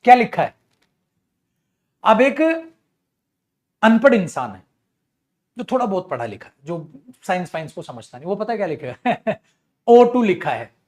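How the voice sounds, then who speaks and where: A man teaching English grammar in an online class. He speaks in a fairly high voice, lively and playful, teasing his students as he explains. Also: unhurried, pauses often. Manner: lively, jokey, addresses students as beta, acts out student voices.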